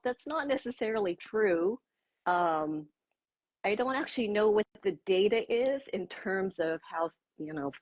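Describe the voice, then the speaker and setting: A woman's voice: medium pitch, breathy edge, dry recording, highs cut off. A woman in her sixties talking casually as an interview guest on a video call, chatty and loose with fillers. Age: 60s. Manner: chatty, with frequent fillers and laughs. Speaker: guest, pro-age blogger.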